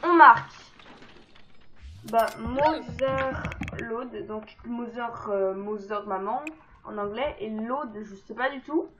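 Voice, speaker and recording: A gaming video creator with a fairly high voice takes her time explaining game cheat codes in a casual, rambling let's-play. She fills her talk with fillers and self-deprecating asides, on a dull lo-fi mic with faint noise.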